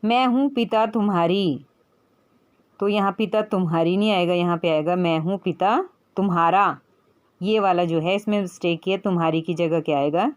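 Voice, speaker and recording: A woman's voice: lowish voice, a little mellow. A woman teaching a Hindi workbook lesson to young children, with a light Punjabi-influenced accent. She talks patiently, asks questions and answers them herself, and calls the child "beta".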